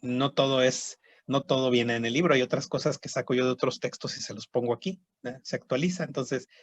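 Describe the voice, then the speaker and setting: A man's voice: medium pitch, fairly even intonation, brisk, no echo. A man teaching a histology class online, explaining step by step and checking in with students. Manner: explanatory, repeats terms, frequent "¿sí?" and "¿verdad?" checks.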